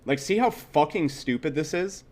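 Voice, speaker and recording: A software instructor runs a casual screen-share tutorial, his voice a little high, animated and slightly mellow at a normal speed. He talks bluntly and conversationally, repeats himself, and checks in with short tags. He's opinionated and swears freely.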